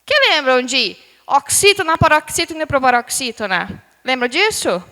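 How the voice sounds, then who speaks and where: A fairly high-voiced woman teaching a live class, quizzing the room and stretching words out slowly for emphasis. Her voice rings with the long reverb of a large hall. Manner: lively, questioning the class, drawing out words.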